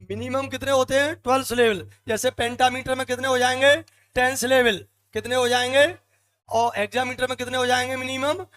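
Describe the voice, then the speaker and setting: एक पुरुष अंग्रेज़ी साहित्य के शिक्षक, जो कक्षा में कविता के मीटर पर व्याख्यान देते हैं और बार-बार सवाल पूछकर ख़ुद ही जवाब देते हैं, फ़ुट एक-एक करके गिनते हुए।. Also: male voice, very high voice, level tone, brisk, fairly bright tone. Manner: asks the class questions and answers them himself, counts out feet one by one. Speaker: English literature teacher. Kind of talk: classroom lecture.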